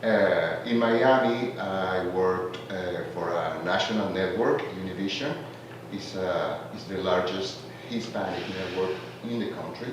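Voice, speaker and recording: Soft-spoken Venezuelan-born man, echoey room. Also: low-pitched, measured pace. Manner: hesitant, fills with "uh", warms into laughing enthusiasm. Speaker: tourism marketer introducing himself. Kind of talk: casual self-introduction at a meeting. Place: community meeting room. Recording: echoey room from far off, background noise.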